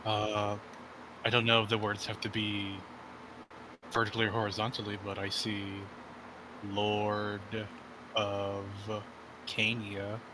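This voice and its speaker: Man, low voice, hesitant, filler pauses, noisy voice-call mic. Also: completely flat delivery. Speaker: player. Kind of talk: tabletop game chat.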